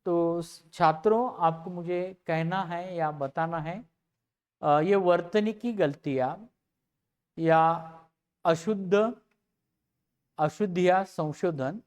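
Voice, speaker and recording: A teacher gives a recorded lecture to students, explaining slowly and repeating example words one at a time. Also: medium pitch, smooth.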